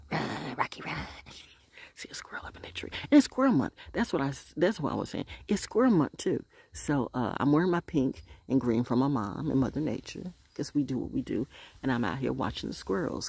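A vlogger in her sixties delivers a sassy, profane monologue outdoors on a wooden deck among the woods, holding her phone close at arm's length and adding whispered asides. Her voice is very deep, creaky, husky, and darkish in tone.

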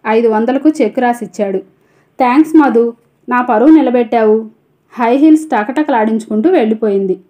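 A woman storyteller reading a novel aloud with steady narration. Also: a little high. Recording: dull lo-fi recording.

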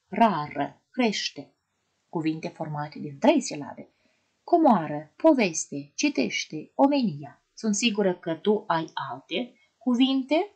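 A woman primary school teacher giving an online lesson to young children, asking them questions in a gentle, sing-song way. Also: medium pitch, breathy edge.

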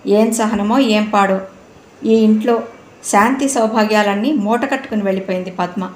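A woman's voice: medium pitch, normal speed, natural voice. Woman voicing a bitter, grumbling husband. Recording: roomy room, faint noise.

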